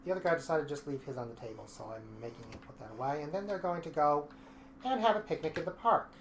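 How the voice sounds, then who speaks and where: A man's voice: fairly high pitch, animated, fast talker. A man streaming a life-sim game, narrating his own moves and talking to the viewers. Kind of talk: casual gameplay commentary. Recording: computer fan noise in the mic.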